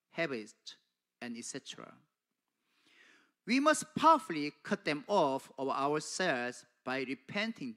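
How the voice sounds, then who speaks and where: A middle-aged man preaching at a pulpit in a small church, speaking into a handheld mic, slow and emphatic, calling out "Amen?" to the congregation. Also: a little high, fairly bright tone. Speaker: pastor delivering an English translation of a sermon. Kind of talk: sermon. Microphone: handheld microphone at a pulpit.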